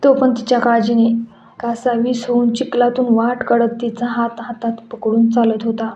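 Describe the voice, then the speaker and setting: A woman narrating a scripted story in an even, steady reading voice. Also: fairly high pitch, moderate pace. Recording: echoey room, dull sound, faint music.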